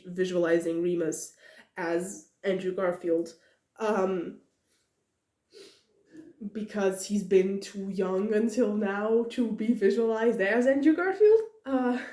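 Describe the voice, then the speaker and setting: This podcaster, a young woman at medium pitch, talks through a book in a roomy-sounding space. Her delivery is casual and wandering, with frequent giggles, lots of fillers and restarts, and enthusiastic asides.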